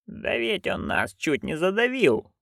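A man's voice: sing-song, creaky, fairly bright tone, dry recording, clean studio sound, full character voice. Man doing a hissing, furious old witch. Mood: seething. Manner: hissing, growling, slow and low.

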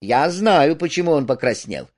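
A brash, mocking carouser, voiced by a man reading the play, loud and raised in pitch. He teases and shouts across the room, with lively, jumping intonation. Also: moderate pace. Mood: boisterous.

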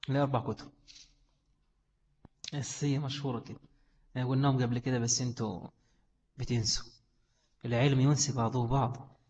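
A religious studies teacher speaks in a medium-pitched, level, somewhat dark voice, a bit fast yet with long pauses, in an Egyptian Arabic accent. He explains a text to his class and answers his own questions. The dull lo-fi recording carries hall echo and a slight hiss or hum.

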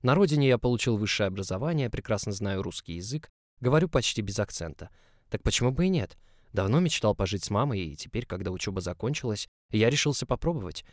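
A man reading a first-person audiobook in a calm, even, low-key way. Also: quick pace, no echo, clean studio sound. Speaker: audiobook narrator.

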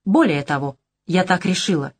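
A woman's voice: lowish voice, expressive, normal speed, slightly rough. A woman voicing a fierce, vindictive young woman who speaks harshly and angrily. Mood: determined. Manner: angry and harsh.

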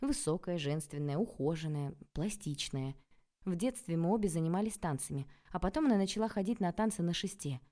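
A woman reading a first-person audiobook in a lively, sarcastic and dramatic way. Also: on the low side, a little fast. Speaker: audiobook narrator.

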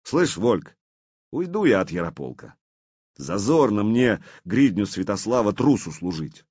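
A man voicing a gruff veteran war captain. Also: lowish voice, very animated, a little slow, a little mellow, no room sound, dull audio, exaggerated voice. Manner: gruff, warlike.

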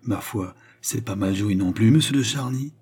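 A calculating old baron, stiffly courteous while weighing every advantage, voiced by a man. His voice is low and dark with a husky edge. The politeness sounds measured and strained. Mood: guarded.

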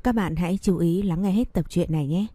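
A woman's voice: fairly low pitch, brisk, mellow, husky, no room sound. A woman hosting a story channel, giving a polite, formal scripted introduction. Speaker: channel host.

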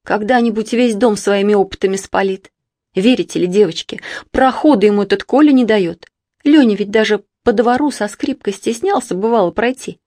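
A woman's voice: mid-range voice, normal speed, dark tone, no room sound, studio quality, pitched above the performer's own voice, lightly acted. A woman voicing a worried mother who frets and scolds over her truant son, in a storybook reading. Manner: fretful, scolding, lamenting. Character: anxious mother of a truant boy.

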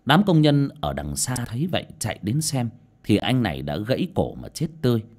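A man narrating a ghost story as an audiobook storyteller, expressive and lively. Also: mid-range voice, brisk.

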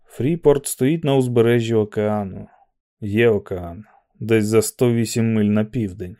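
A man narrating a novel as an audiobook, in steady, even storytelling. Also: lowish voice, unhurried.

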